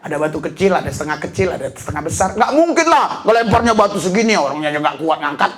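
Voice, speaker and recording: A man preaching a sermon as pastor, lively and full of laughter and shouted exclamations. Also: on the high side, quick pace.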